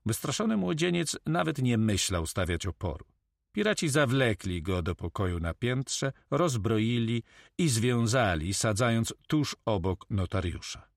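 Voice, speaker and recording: Man reading an adventure book, slow and lively, expressive. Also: medium pitch, creaky, no echo, studio quality. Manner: measured, expressive. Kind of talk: audiobook narration.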